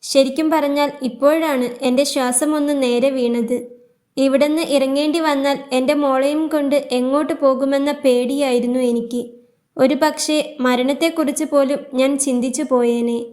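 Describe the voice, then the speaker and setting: A grieving young mother in a spoken storybook, gentle and worn out, her high voice soft and tearful as she pleads, read by a woman in her own voice. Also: fairly even intonation, moderate pace, lightly acted. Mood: sorrowful.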